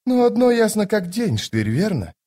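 A man voicing a sharp-tongued woman corporal with a husky, curt and commanding way of talking. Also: high-pitched, sing-song, moderate pace, pitched above the performer's own voice. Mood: grim.

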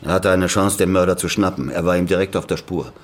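In a German radio drama, an actor voices a wry, grimly resigned Soviet regional official, using ponderous, theatrical phrasing. His voice is male and deep, and he talks quickly in a scornful, grim mood.

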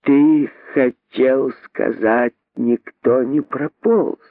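A male narrator voicing a cheeky, sharp-tongued female monkey mother who talks in a slow, mocking drawl. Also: mid-range voice, very animated, no room sound, exaggerated voice. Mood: sarcastic. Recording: narrow phone-like band.

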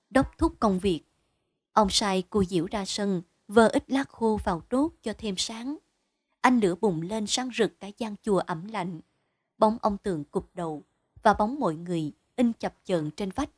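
A woman reading a short story aloud as an audiobook narrator, in a steady, measured storytelling manner. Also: mid-range voice, breathy edge, dry recording.

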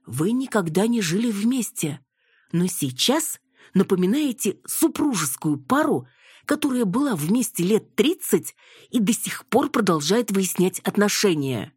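A woman's voice: medium pitch, very animated, measured pace, darkish tone, husky, dry recording, studio quality, pitched above the performer's own voice, heavily acted. A woman voicing an exasperated, impulsive young woman who exclaims in a raised voice.

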